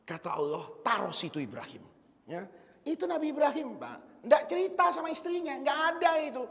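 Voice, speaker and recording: A man's voice: very high-pitched, animated, brisk, a bit bright, long reverb tail. A male preacher giving a casual, joking sermon and quizzing his congregation with questions. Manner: conversational, joking, asks the audience questions.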